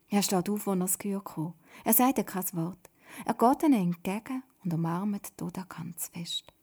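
Brief: woman narrator, whispered storytelling, breathy and husky. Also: lowish voice, dark tone.

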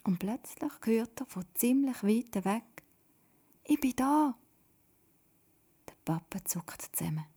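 A woman, telling a story in a hushed, breathy whisper that stays close and gentle. Her pitch sits mid-range for a woman, and the airy, husky tone carries the whole telling. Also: animated, measured pace, few pauses.

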